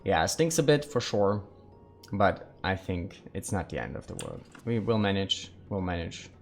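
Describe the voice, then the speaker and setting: Low-voiced man streaming a survival game. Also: sing-song, normal speed, gravelly, faint music behind. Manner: casual, thinking aloud, chatting with viewers. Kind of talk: live game commentary.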